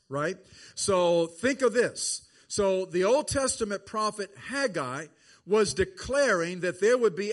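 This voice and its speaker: A man's voice: sits high, a bit bright. A man preaching a sermon, stretching words out for emphasis.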